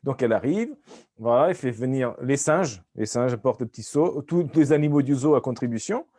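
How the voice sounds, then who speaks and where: A man's voice: mid-range voice, animated, brisk, warm tone, no room sound, studio quality. A man from Portugal riffing as a comedian in loose, jokey chat, rambling and dropping into playful mock voices.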